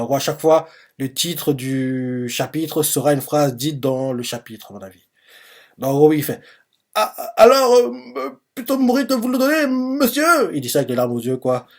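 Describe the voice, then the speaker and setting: A man's voice: mid-range voice, dark tone. A man reacting live to a manga chapter, describing the panels in rambling speech full of fillers. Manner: rambling, heavy use of fillers.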